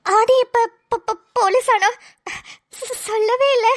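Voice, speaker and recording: A woman voicing a sharp-tongued young wife in a cartoon, grumbling and sarcastic. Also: very high voice, lively intonation, a little fast, full character voice. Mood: stammering, scared. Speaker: cartoon voice actor. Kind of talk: cartoon voice acting.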